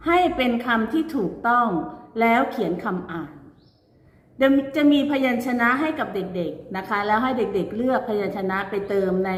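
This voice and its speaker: A woman from Thailand teaching a primary school class, reading words out slowly and clearly for pupils to repeat and mixing in simple English phrases. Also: mid-range voice, fairly bright tone. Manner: reads words out then repeats them clearly for pupils to copy. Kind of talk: recorded online class lesson. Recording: echoey room with long reverb.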